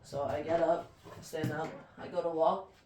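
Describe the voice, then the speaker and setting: A young woman co-hosts a casual podcast, telling animated stories and swearing freely. Her voice is low, steady and slightly mellow at a moderate pace, recorded in an echoey room with a distant mic and faint hiss.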